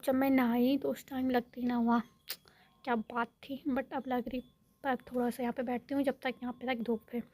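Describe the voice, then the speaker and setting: A young woman chats to her viewers in a loose, rambling vlog, often stopping to correct herself. Her voice sits a little high. It is recorded close on a phone, with a dry sound and no room echo. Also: darkish tone. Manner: rambling, self-correcting, addresses viewers as guys. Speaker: vlogger. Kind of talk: casual chatty vlog monologue. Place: home in a village.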